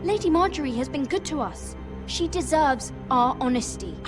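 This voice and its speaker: An actress playing a young handmaiden in a video game drama, deferential, guarded and earnest in a careful, polite manner. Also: female voice, sits high, expressive, moderate pace. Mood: earnest accusing. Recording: music behind.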